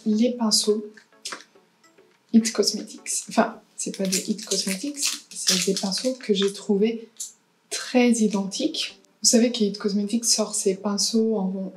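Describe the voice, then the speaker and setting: A woman's voice: medium pitch, darkish tone, rough recording. A woman, chatting casually through a beauty haul and unboxing, thinking aloud with lots of hesitations. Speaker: beauty vlogger.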